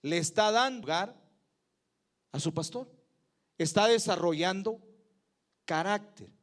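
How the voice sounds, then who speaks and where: A man with a Mexican accent preaching a sermon, emphatic, with loud peaks, low asides and questions put to the congregation. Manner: emphatic, swings between loud peaks and low asides, asks the crowd for agreement.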